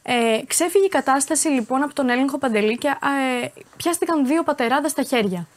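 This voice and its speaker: A woman co-hosting a sports talk show, presenting news items in casual banter, chatty and quick to laugh along. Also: high voice, lively intonation. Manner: chatty, laughs easily, plays along with teasing.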